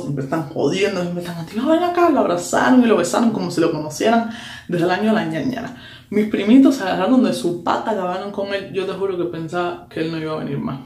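A young woman, animatedly telling a personal story in a casual vlog. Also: on the low side. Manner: animated, lively retelling with slang and English asides. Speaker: vlogger. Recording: echoey room with faint hum.

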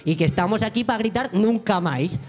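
A man's voice: high-pitched, a little fast, darkish tone. A man on a live comedy stage, delivering a mock-indignant, profane rant. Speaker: comedy collaborator. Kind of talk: stand-up style rant. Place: live stage before an audience.

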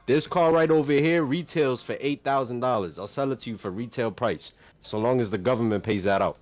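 A man plays a car dealer in roleplay with relaxed salesman talk. His voice sits in the middle range. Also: medium pitch, a little fast. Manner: laid-back salesman talk. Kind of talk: in-character roleplay.

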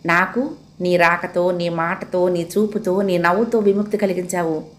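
A woman voicing a gentle grown man who speaks calmly and heartfelt to an old friend. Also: lowish voice, normal speed, natural voice. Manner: calm, heartfelt.

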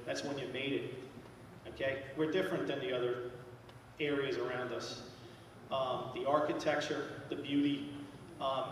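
An engineer addresses a town hall meeting from a podium microphone in a large school auditorium, loud, blunt and plain-spoken in a medium-pitched voice. The hall is echoey, he sounds far off, and there's a little hiss or hum.

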